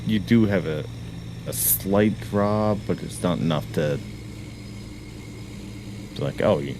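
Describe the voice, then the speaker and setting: With a low-pitched voice and a slow pace, a man from the Boston area chats casually while gaming. He fills his talk with "like" and explains things at length, and steady background noise runs underneath.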